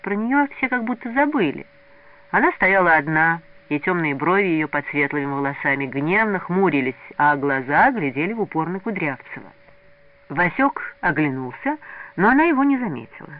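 A man reading a story aloud in an expressive way. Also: on the high side, normal speed. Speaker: narrator. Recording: narrow lo-fi radio recording.

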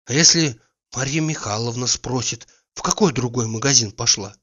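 A fretful, anxious gentleman from a storybook, read by a man, worried and impatient, pressing his questions in an ordinary male voice. The sound is muffled and lo-fi. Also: medium pitch, normal speed. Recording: dull lo-fi recording.

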